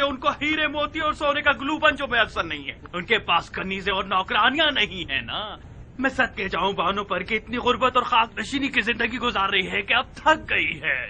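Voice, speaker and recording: A man's voice: very high-pitched, pushed and bright, a little hiss or hum, heavily acted. An actor playing an irritable, short-tempered husband and father in a dubbed historical drama, scornful and sarcastic.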